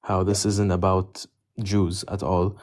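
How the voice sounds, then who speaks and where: A man from South Lebanon calling into a live stream, speaking in an earnest, measured way. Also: low-pitched, level tone, darkish tone.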